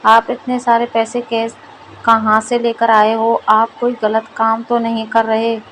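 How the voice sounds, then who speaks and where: A woman's voice: on the high side, monotone, measured pace, a bit bright, a little hiss or hum, rough recording. A woman voicing a fearful, devoted village wife who speaks anxiously and pleads.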